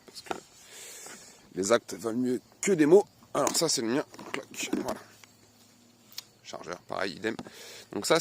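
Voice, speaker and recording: A man casually unboxing and reviewing a replica pistol, chatty and animated, reading off specs with many fillers. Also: lowish voice, slight background noise. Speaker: airsoft unboxing vlogger.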